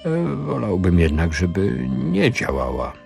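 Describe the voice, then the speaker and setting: A man's voice: low voice, huge pitch swings, a little slow, vocal fry, a little mellow, faint music behind, full character voice. A man voicing a proud, gloomy medieval French alchemist who speaks in a declaiming, theatrical way. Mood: courteous.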